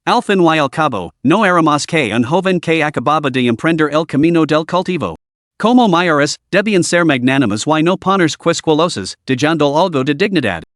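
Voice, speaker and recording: A man narrating a comic-style fantasy story summary in a steady, even storytelling manner. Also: fairly high pitch, moderate pace, dry recording, studio quality.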